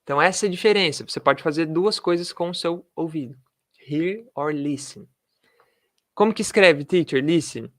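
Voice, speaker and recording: A man with a fairly high, fairly bright voice teaches an English lesson in Portuguese. He moves between Portuguese explanations and English words and models pronunciation slowly and carefully.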